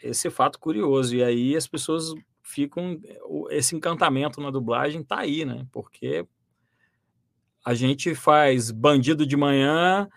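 A man from Brazil, a voice actor and dubbing director, explaining his work in a lively interview, with many restarts and fillers. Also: a little high, unhurried, vocal fry, no room sound. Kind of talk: interview conversation.

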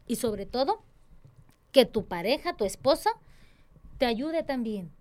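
High-voiced earnest woman. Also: unhurried. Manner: earnest, expressive, mimics others' voices. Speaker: tambourine dance ministry leader. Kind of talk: casual church talk interview.

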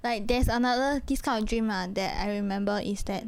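A woman's voice: medium pitch, brisk, gravelly, smooth. A young Singaporean woman telling personal stories in casual, colloquial Singlish with sentence-ending particles.

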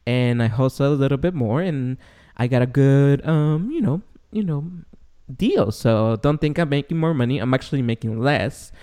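Speaking at a normal speed with lively intonation, a young man hosts a casual podcast chat in English, his second language. His medium-pitched voice is dark, clear, and resonant, and the big, tall apartment room echoes like a vacant warehouse.

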